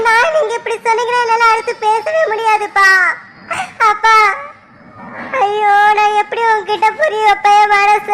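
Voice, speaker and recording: A woman's voice: very high-pitched, fairly bright tone. A woman voicing an earnest young village daughter in a cartoon, who pleads in long, heartfelt appeals. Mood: distressed. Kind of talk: cartoon voice acting.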